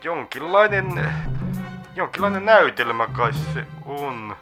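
A man's voice: fairly high pitch, animated, music in the background, voice pushed up. A man voicing a grumpy middle-aged male caller in a comedy radio sketch, with a pinched, whiny voice. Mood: grumbling.

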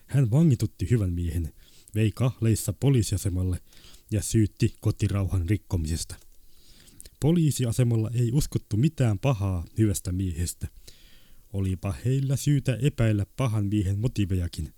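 Dark, husky-voiced male storyteller. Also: fairly low pitch, lively intonation, no room sound. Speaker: story reader. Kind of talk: reading short stories aloud.

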